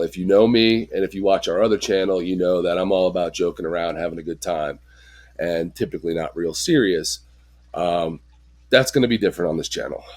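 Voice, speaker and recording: A man in his forties talks straight to camera in a personal confessional vlog. His voice sits very low, and a chest cold leaves it congested. He speaks in an earnest, candid way. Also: a little mellow. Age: 40s. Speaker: vlogger.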